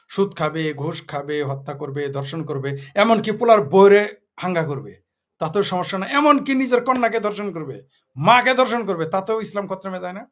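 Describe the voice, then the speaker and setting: High-voiced combative Bangladeshi man. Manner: combative, rhetorical questions, scornful. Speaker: political commentator. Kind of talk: heated political monologue.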